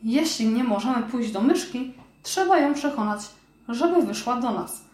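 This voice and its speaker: A kind, clever young girl, put on by a woman reading aloud speaks a little higher than the narration, bright and friendly. The voice rings in an echoey room. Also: expressive, moderate pace, close to an everyday voice.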